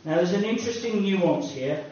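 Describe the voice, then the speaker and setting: A man's voice: sits high, lively intonation, fairly quick, darkish tone, a little hiss or hum. A man preaching a sermon in a conversational, self-deprecating way with personal asides, recorded from a distance in an echoey hall. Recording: echoey distant room mic, dull sound.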